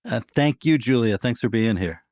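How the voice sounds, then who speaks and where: Male podcast host with medium-pitched voice. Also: expressive, normal speed, darkish tone, no room sound, studio quality. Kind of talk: casual chat and scripted podcast reads.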